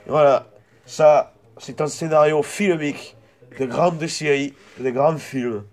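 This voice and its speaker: A man's voice: on the high side, steady tone, slow pace, a little mellow. A young man from the south of France with a southern French accent, rambling through an absurd improvised comedy monologue with playful, mock-serious tangents. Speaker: comic vlogger.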